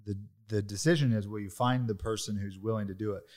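A man's voice: on the low side, steady tone, quick pace, a little mellow. A man hosting a casual business conversation, coaching his guests in an emphatic way and laughing easily. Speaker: podcast host.

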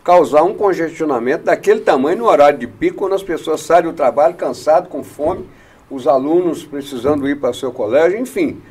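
A man's voice: fairly high pitch, brisk, a little mellow, breathy edge. A Brazilian man hosting a talk show, talkative and opinionated, firing rhetorical questions at his guests. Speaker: radio show host. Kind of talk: casual chat.

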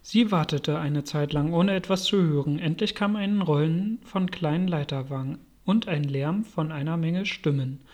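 A man narrating a storybook as an audiobook reader, in an even, measured way. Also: fairly high pitch.

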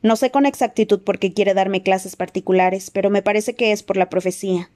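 Una mujer que lee un audiolibro y da voz a un muchacho mago sincero y agobiado, hablando con calma y seriedad. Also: female voice, medium pitch, lightly acted. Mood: serious. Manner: quiet, earnest, measured. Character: teenage wizard boy, earnest and burdened. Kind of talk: audiobook character voice.

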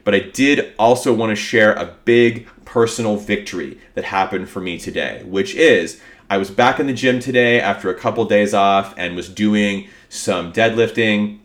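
A man's voice: lowish voice, moderate pace, a bit bright. A man hosting a podcast solo in a casual, upbeat, conversational way, his voice affected by a cold. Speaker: podcast host.

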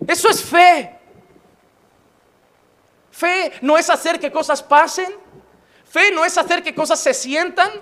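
High bright-voiced preaching man. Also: slow, pauses often. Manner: impassioned, mixes humor and emphatic repetition. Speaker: pastor. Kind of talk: sermon.

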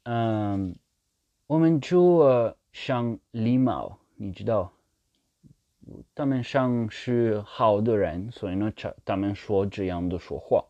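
A man speaking non-native Mandarin with a foreign accent, talking casually and haltingly as he searches for words and repeats phrases for emphasis. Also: fairly low pitch, animated, dark tone, no room sound. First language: not Mandarin. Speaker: language learner sharing his experience. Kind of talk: casual monologue in a learned language. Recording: dull, slightly lo-fi sound.

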